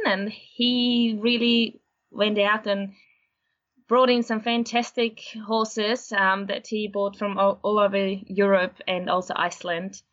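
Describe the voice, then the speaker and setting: A woman originally from Austria talks as a guest about breeding horses and walks through the details patiently, at an even pace. Her mid-pitched voice comes through slightly dull and lo-fi, as if over a remote call. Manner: steady, explanatory, unhurried. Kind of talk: casual interview.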